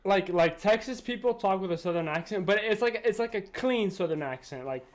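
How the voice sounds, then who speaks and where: A man with a high voice co-hosts a casual podcast, talking in loose, rambling banter. He swears now and then and keeps things easygoing. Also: expressive, brisk. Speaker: podcast co-host.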